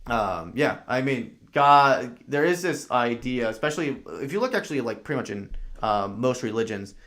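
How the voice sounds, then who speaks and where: A man's voice: mid-range voice, lively intonation, moderate pace, fairly bright tone. A man hosting a live podcast, commenting casually on a video and rambling with many fillers as he thinks aloud. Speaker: podcast host reacting to a video.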